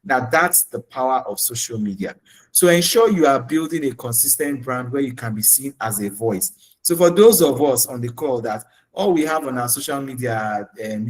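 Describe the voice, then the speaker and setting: A man's voice: medium pitch, poor audio. A man with a Nigerian English accent giving career advice on a webinar, speaking emphatically and often checking in with "okay?" and "right?". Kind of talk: coaching talk on a webinar.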